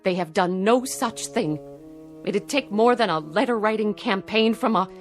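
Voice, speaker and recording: In a 1960s TV drama scene, a woman's medium-pitched voice, lightly acted and at a moderate pace, portrays a young doctor's wife indignantly and earnestly protesting on her husband's behalf. It is heard on an old television soundtrack with faint background music.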